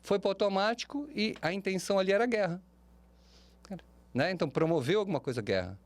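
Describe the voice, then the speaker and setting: Animated Brazilian man with lively pitch. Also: fairly quick, no echo. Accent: Brazilian Portuguese. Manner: animated, expressive pitch swings, frequent tag questions. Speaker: podcast guest, speaker and mentor. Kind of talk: podcast interview.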